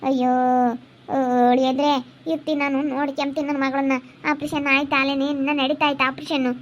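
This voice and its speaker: A woman's voice: sits high, flat delivery, quick pace, lightly acted. A woman playing a worried, pleading mother visiting the hospital. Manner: pleading, fretful. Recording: dull, slightly noisy recording.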